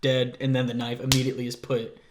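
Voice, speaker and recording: A young man talks through a movie with a friend at an even, mid-range pitch. He rambles and swears casually, his voice jumping up whenever something excites him. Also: fast, noisy background. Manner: animated, swears freely, rambling. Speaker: co-host. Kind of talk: casual movie review chat.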